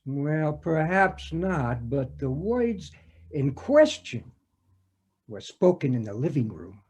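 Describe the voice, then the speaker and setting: Performing in a comic readers theater scene read over a video call, an amateur reader voices a hesitant, patient detective. His slightly high, somewhat mellow voice is a little rough, very animated, and heavily acted, probing and halting with frequent "uh"s, captured on a home mic.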